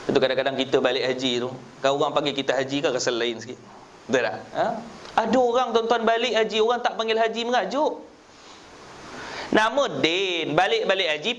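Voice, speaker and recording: A man with a Malaysian Malay accent preaching in a mosque, telling lively stories and often calling on his listeners. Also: mid-range voice, highs cut off, a little hiss or hum. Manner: lively storytelling, addressing listeners as tuan-tuan. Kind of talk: religious lecture.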